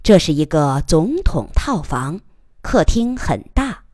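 Woman audiobook narrator; low, dry, deliberate. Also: sing-song, mellow, no room sound. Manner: measured storytelling. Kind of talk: scripted novel narration.

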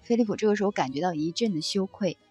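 Soft husky woman reading a book aloud. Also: mid-range voice, fast, faint music behind. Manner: gentle, conversational, with frequent soft fillers. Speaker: book-sharing presenter.

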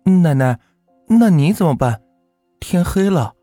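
A man voicing an eager young village boy who calls out high and brightly to his dog and a neighbor. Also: big pitch swings, normal speed, dry recording, soft background music.

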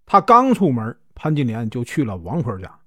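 A man's voice: medium pitch, wildly swooping pitch, normal speed, sharp tone, breathy edge. A man from Northeast China with a Northeastern Mandarin accent, telling a classic tale in a chatty, casual way with many filler particles. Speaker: storyteller. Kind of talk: casual folk-tale narration.

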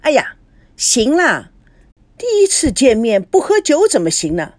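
A woman plays a jealous, hot-tempered mother in a storybook, sharp and scolding. The voice sits high and swings widely, recorded dry and close. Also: very animated, measured pace, no room sound.

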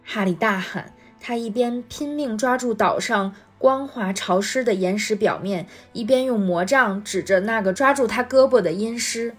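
A woman's voice: on the high side, moderate pace, few pauses, husky, soft background music. Woman reading a storybook aloud. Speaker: guest reader.

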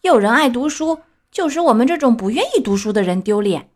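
Woman playing jeering schoolboy bullies, shrill and shouty. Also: lively intonation, brisk. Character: gang of rude, mocking schoolboys. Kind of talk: storybook reading.

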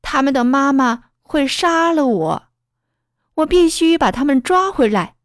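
A cocky, stubborn little boy with a bright, bouncy storybook voice that leaps up and down, as a woman puts him on. He sulks, brags and shouts, in a close, dry recording. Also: high voice, animated, unhurried, dry recording. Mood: shouting. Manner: sulky, boastful, then yelling.

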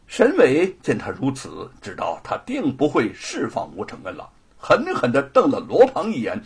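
A man's voice: mid-range voice, moderate pace. A man narrating a traditional story in a dramatic storytelling style. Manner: animated, husky.

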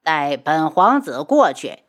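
A man's voice: sits high, very animated, normal speed, fairly bright tone, full character voice. A woman voicing an arrogant prince who speaks in a sneering, imperious way.

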